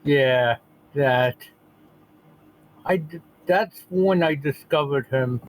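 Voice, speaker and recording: Higher-pitched man with a whistling lisp. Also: slow pace, no room sound, low-quality recording. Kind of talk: casual group chat.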